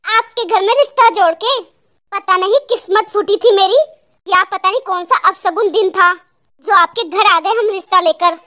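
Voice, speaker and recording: A voice actor playing a harsh, domineering young husband in an animated family drama. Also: male voice, very high-pitched, moderate pace. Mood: angry. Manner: harsh, domineering, shouting orders. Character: angry young husband throwing out his mother-in-law. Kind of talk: animated cartoon drama dub.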